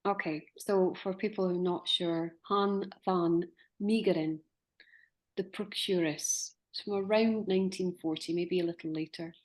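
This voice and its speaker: Woman in her forties, podcast host; lowish voice, reflective and questioning, with thoughtful pauses. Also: fairly even intonation, darkish tone. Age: 40s. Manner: musing, hesitant, posing questions. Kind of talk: conversational discussion.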